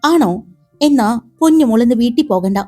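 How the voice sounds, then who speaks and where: A woman's voice: fairly high pitch, animated, a little fast, dark tone, faint music behind. A woman reading the part of a teasing, protective young man in a romance story, playful and commanding.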